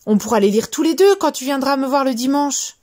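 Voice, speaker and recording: A woman's voice: sits high, a little fast, a little mellow, voice pushed up, natural voice. Woman doing a friendly young schoolboy. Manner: friendly, mumbling.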